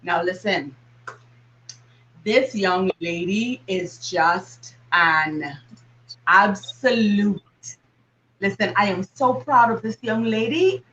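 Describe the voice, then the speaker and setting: A woman's voice: medium pitch, slow pace, long pauses, a bit bright, lo-fi sound, a little hiss or hum. A Bahamian woman hosting a live stream, effusive and chatty, calling her audience darlings. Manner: exuberant, effusive, calls the audience darlings and y'all. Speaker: host.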